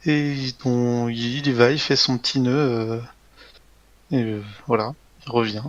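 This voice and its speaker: A man narrates as game master at mid pitch, easygoing and full of pauses and fillers. The sound is dry and close, with no room around it. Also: no echo, highs cut off. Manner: relaxed, hesitant with fillers. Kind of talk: running a tabletop game.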